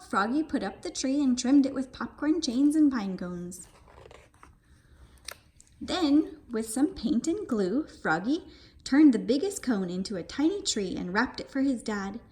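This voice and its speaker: A woman reads a children's picture book aloud in an expressive, sing-song manner. Her voice is fairly high and swoops widely in pitch, keeping the story playful.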